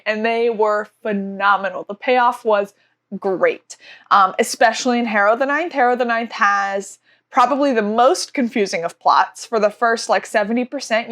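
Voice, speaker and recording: A book vlogger, a young woman with a fairly bright, high-leaning voice, reviews books casually while stuffy from allergies. She gushes enthusiastically and says "like" often.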